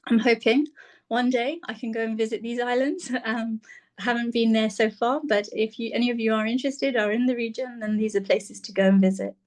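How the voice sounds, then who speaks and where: A woman's voice: on the high side, fairly even intonation, fairly quick. A woman from Bangladesh, a senior lecturer, telling her life story on a video call from her phone, thoughtful and full of "um"s. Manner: warm, reflective, with many "um"s. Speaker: guest speaker, senior lecturer. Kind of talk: personal talk on a video call.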